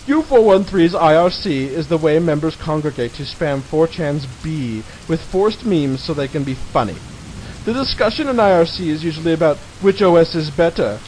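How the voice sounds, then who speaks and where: A man's voice: on the high side, a little mellow. A man giving a mock-dramatic reading of a satirical article in a theatrical, mocking manner, as narrator. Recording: hissy, noisy home recording.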